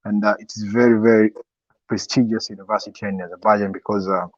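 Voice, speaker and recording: A young man in a casual interview, giving advice as a student guest in a halting way, often repeating his words. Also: fairly low pitch, little pitch movement. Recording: echoey, dull lo-fi sound.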